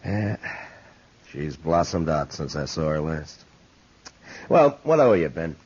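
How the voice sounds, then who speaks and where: Deep, husky frontier marshal, old radio. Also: male voice, big pitch swings, takes it slowly, darkish tone, exaggerated voice. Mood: genial. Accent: American. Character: easygoing, authoritative middle-aged frontier US Marshal. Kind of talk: 1950s radio western acting. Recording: dull 1950s radio recording.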